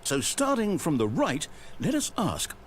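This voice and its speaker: A man's voice: fairly high pitch, wildly swooping pitch, unhurried, a little hiss or hum. A man with a British accent voicing a fussy, pompous video game narrator who talks in a wordy, grandly dramatic way.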